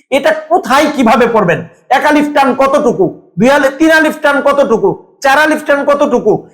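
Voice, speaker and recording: High-voiced man giving a sales pitch. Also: low-quality recording. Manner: explains step by step, repeats points. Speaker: seller.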